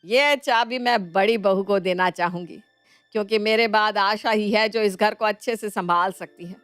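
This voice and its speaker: A woman's voice: mid-range voice, normal speed, clean tone, no room sound, close to an everyday voice. A woman voicing an older mother-in-law, the proud and firm head of the house, in a dubbed storybook cartoon. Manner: firm, commanding. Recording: dry close voice over soft music.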